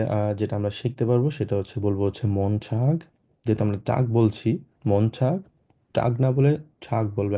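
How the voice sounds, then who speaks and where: Man, low voice, very dark tone, slightly sick, throat-clearing, patient teacher repeating words. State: unwell, clearing throat often. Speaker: German language teacher. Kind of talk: online class lesson.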